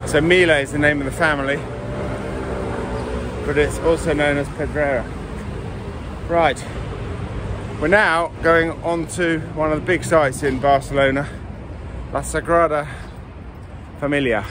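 A man narrating a casual travel vlog while out running, speaking in short phrases with pauses. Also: a little high, fairly even intonation. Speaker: vlogger filming a training run. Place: outdoors on city streets and park hills. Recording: outdoor street noise, passing traffic. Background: city traffic and outdoor ambience.

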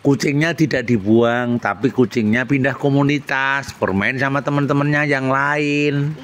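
A man, chatting gently with a young child and coaxing answers with questions. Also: mid-range voice, fairly even intonation, a little slow. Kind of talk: casual chat with a child.

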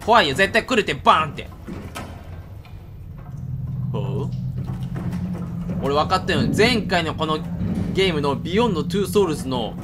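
With game music and a noisy background behind him, a gamer speaking in a Kansai Japanese accent gives jumpy let's-play commentary in a slightly high voice. He chats to the game character and keeps breaking into outbursts.

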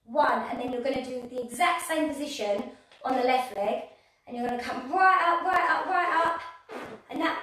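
Young woman, dance teacher, high voice, energetic, counts out steps, very echoey room, distant mic. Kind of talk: livestream dance lesson.

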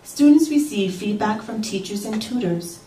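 A woman's voice: medium pitch, animated, normal speed, mellow. Woman reading a scripted narration, roomy. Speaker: video narrator. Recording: roomy, distant, faint noise, played through speakers.

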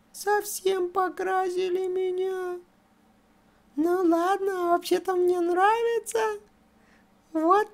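A woman voicing a small, naive, childlike toy train with a squeaky voice in a children's cartoon. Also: exaggerated voice. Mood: resigned.

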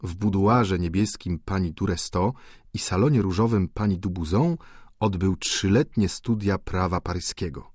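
A man narrating a classic novel as an audiobook, with an expressive, measured delivery. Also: sits low, slightly rough, no echo, clean studio sound. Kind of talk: literary audiobook reading.

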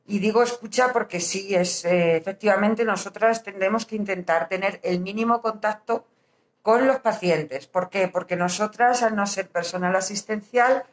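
A woman with a Castilian Spanish accent and a mid-pitched voice speaks through a face mask, which slightly muffles her words. She gives an informal explanation as a social worker, pausing to find her words. She is recorded at arm's length in a small office. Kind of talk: informal explanatory talk to camera. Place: small indoor hospital office.

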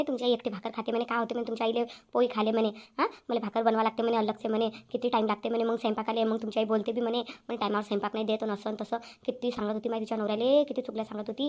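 A tattling young daughter from a cartoon, rattling off gossip at top speed in a high voice, as a woman voices her. She quotes others in a breathless stream. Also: a little mellow, natural voice. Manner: tattling, quoting others in a rush. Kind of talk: cartoon voice acting.

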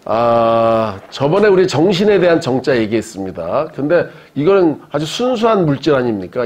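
A male philosophy professor giving a lecture to a live audience, telling lively anecdotes and laughing along with his own jokes. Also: high voice, slightly rough. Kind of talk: university-style public lecture.

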